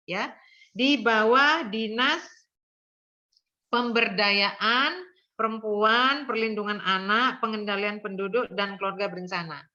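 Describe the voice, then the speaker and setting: A woman's voice: on the high side, sharp tone, lo-fi sound. An older woman, a nursing lecturer, giving an earnest lecture full of anecdotes and often checking in with her listeners. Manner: earnest, tags sentences with "ya".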